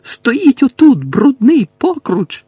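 A man voicing a fanatical dark witch who screeches and hisses with rage in an audiobook. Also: very high-pitched, huge pitch swings, slow pace, husky, dry recording, voice pushed up, full character voice. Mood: screeching.

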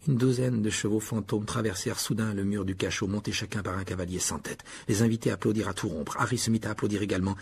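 A man reading a novel aloud as audiobook narrator, lively storytelling. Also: lowish voice, creaky, husky. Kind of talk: scripted narration.

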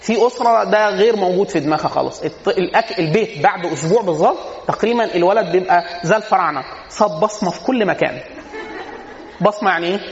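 An Egyptian man gives a casual religious lecture on family life, talking fast in a fairly high voice and answering his own rhetorical questions with humor. He is heard through a dull, lo-fi recording with a long echo, as if in a large hall. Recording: echoey hall, dull lo-fi sound.

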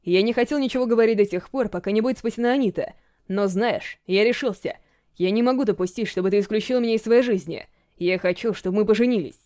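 A woman voicing a charming male court singer, soft and pleading in an audiobook reading. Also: mid-range voice, fast talker, lightly acted. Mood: earnest.

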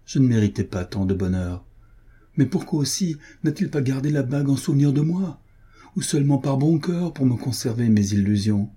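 A man's voice: mid-range voice, lively intonation, moderate pace, mellow, slightly rough, voice pushed up. A man reading the part of a devout, tender young duchess, in a plaintive inward monologue from a storybook. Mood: sorrowful.

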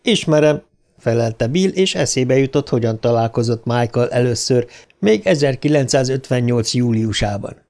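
A male audiobook narrator with a mid-range voice, reading a novel in an even, measured way. His diction stays clear and unhurried through long descriptive passages. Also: medium pitch.

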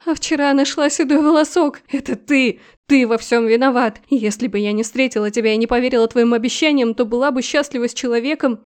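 A woman voicing a hysterical young mistress who talks in a shrill, accusing tone in a storybook reading. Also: steady tone, normal speed, hardly any pauses, darkish tone, natural voice. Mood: tearful.

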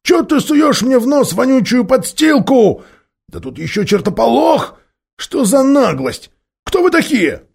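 A man's voice: big pitch swings, normal speed, vocal fry, slightly rough, heavily acted. A man voicing a stubborn, scornful male dwarf in a storybook reading, snapping and grumbling. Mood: outraged, shrill. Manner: snapping, shrill when outraged.

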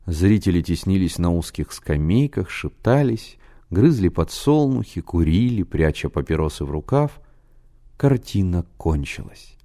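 Lively low-voiced male storyteller. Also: a little slow. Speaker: narrator. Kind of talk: scripted narration.

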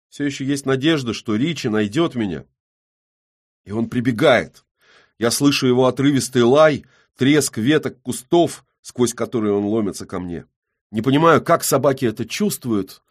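A man reading a first-person audiobook with gritty, tense storytelling. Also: medium pitch. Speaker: audiobook narrator.

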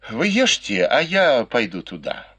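A sharp-witted noble lady, mocking and bossy, as a male reader puts her on. Her husky voice swings widely between a low murmur and high exclamations. The recording is dry and close. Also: wildly swooping pitch, measured pace, no room sound, exaggerated voice. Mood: teasing.

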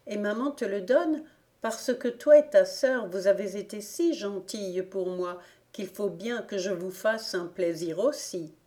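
A woman's voice: medium pitch, a little slow, mellow, lightly acted. A woman voicing a proud little girl who patiently explains things to her friends in a coaxing way.

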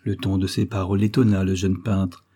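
Husky low-voiced male storyteller. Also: flat delivery, brisk, mellow. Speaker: audiobook reader. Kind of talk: scripted narration of a historical novella.

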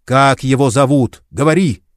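A man voicing a sly, shouting rogue. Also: mid-range voice, lively intonation, unhurried, no room sound, clean studio sound, voice pushed up, close to an everyday voice. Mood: urgent. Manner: urgent, loud, commanding. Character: sly rogue adventurer, bold and cornered.

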